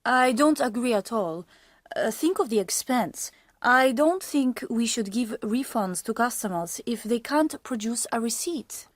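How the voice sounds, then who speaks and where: A woman's voice: on the high side, lively intonation, measured pace, dry recording, clean studio sound. A woman playing a sceptical, somewhat hesitant manager giving opinions in a scripted meeting dialogue.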